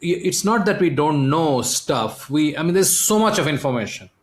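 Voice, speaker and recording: Host guy with a higher voice, thinking out loud, repeats himself, roomy echo. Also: animated, normal speed. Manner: thoughtful, repeats words while reaching for a point. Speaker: podcast host. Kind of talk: conversational interview. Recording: echoey room.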